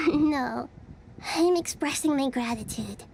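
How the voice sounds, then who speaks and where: An actress playing a gentle, earnest young goddess of wisdom in a game. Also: female voice, sits high, takes it slowly, slight background noise. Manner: soft, earnest, composed.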